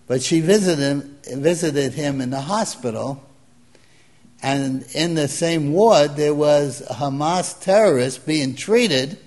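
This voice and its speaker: An older man with a Brooklyn accent preaching an informal sermon to a congregation in a conversational, unhurried way with pauses. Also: on the high side, a little mellow.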